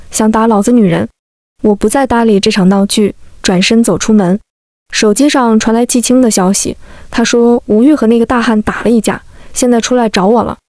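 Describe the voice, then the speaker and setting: Female storyteller, fairly high voice, calm and steady delivery, dry close sound. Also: no room sound. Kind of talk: scripted first-person story narration.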